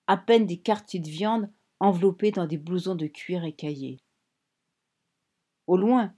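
A woman reading a novel aloud in measured, vivid scripted narration. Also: medium pitch, mellow. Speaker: audiobook narrator.

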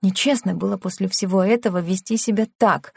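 A woman narrating a novel in a measured, even reading style. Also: medium pitch, creaky, slightly rough, dry recording. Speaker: audiobook narrator. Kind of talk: scripted narration.

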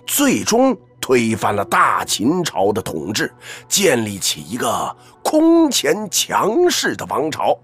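Drawling, theatrical older assassin uncle. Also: male voice, mid-range voice, huge pitch swings, takes it slowly, hardly any pauses, a bit bright, breathy edge, soft background music, heavily acted. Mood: storytelling. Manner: drawling, storyteller-like, peppered with interjections. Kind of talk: audio drama character acting.

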